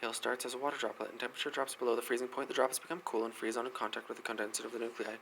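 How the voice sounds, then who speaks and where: Fast, gravelly man reading weather news. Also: mid-range voice, level tone, noisy background. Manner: fast reading with frequent slips and restarts. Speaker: host of a weather news segment. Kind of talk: reading news articles aloud.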